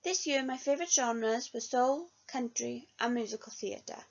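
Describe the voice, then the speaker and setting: A young music student reads aloud an earnest reflection on her year of studying singing, speaking at a normal speed in a voice on the high side. The recording is dull and lo-fi.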